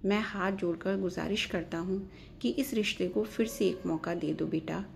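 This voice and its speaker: A woman's voice: lowish voice, fairly even intonation, normal speed, gravelly, darkish tone, slight background noise. Woman voicing a pleading older father. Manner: humble, pleading.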